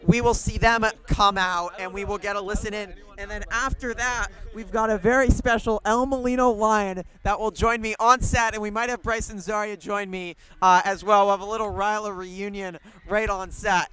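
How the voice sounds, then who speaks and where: A man's voice: high-pitched, fairly even intonation, normal speed, few pauses, bright, forceful tone. A young man doing live, chatty sports broadcast commentary from a set at a stadium, bantering with guests. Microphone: handheld broadcast mic.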